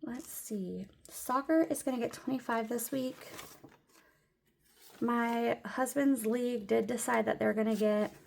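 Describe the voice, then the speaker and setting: A young woman talks her way through her weekly cash budget, counting bills aloud with quick, chatty asides and frequent laughter. Her voice sits a little high and carries a gravelly fry, and she sounds slightly out of breath. Faint noise lies under the recording. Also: fairly even intonation, a little mellow. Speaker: budgeting vlogger. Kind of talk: casual budget vlog narration.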